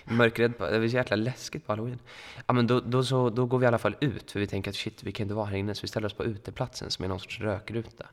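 A man's voice: on the low side, flat delivery, few pauses, big-room sound. A young man co-hosting a podcast, telling a long party anecdote in casual chat, full of fillers and acted-out quotes. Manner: rambling anecdote with many fillers and quoted dialogue. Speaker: podcast co-host. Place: school room.

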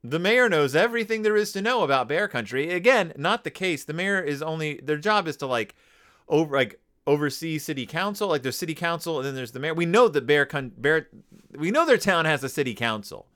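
A man in his thirties hosts a comedic book-review podcast. His voice sits a little high and bright, and it swings up and down as he rambles through digressions and restarts his sentences. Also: expressive, a little fast. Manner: rambling, digressive, self-correcting. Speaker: podcast host.

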